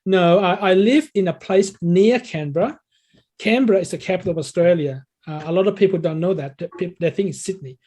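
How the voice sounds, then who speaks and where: A Thai man in his sixties, a native Thai speaker, talks as an interview guest and English learning coach. His voice is high-pitched and warm, moving a little fast as he answers questions conversationally and explains things like a coach.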